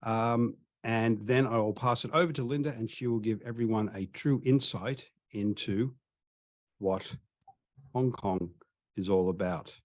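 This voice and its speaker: A man's voice: fairly low pitch, unhurried. A man hosting a travel webinar over a video call, chatty and friendly, with frequent ums and restarts. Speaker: webinar host.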